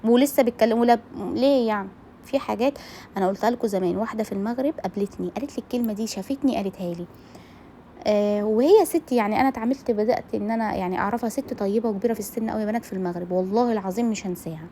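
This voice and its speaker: Racing through her words, an Egyptian-accented cooking vlogger talks candidly to her female audience as she cooks at home. She has a mid-range, dark-toned voice, and the audio carries a little hiss or hum.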